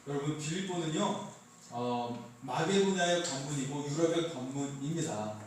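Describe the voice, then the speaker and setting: A man's voice: on the high side, moderate pace, slight background noise. A man preaching a Sunday sermon, light and joking as he quizzes his congregation. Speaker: pastor. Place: church sanctuary. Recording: echoey hall, heard from a distance.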